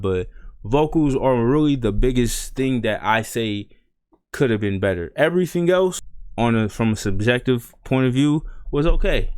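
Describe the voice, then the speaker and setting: Blunt low-voiced man giving music feedback. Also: a little mellow, clean tone, dry recording, clean studio sound. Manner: blunt, straightforward, repeats "you know what I'm saying". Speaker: music reviewer, streamer. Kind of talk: casual spoken music critique.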